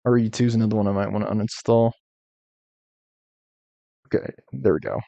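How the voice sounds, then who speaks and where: A man's voice: lowish voice, little pitch movement, brisk, vocal fry, mellow, no room sound. A man streaming a game, chatting casually and thinking aloud between bits of reading. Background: music.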